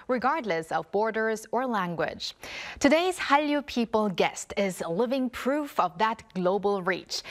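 A woman co-host reading a scripted guest introduction in a bright, welcoming way. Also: on the high side.

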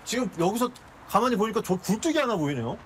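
A man's voice: high voice, very animated, fast talker, slight background noise. A man in his forties hosting a travel show, chatting politely and exclaiming on location. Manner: friendly, exclamatory, polite questions. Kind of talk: casual on-location chat.

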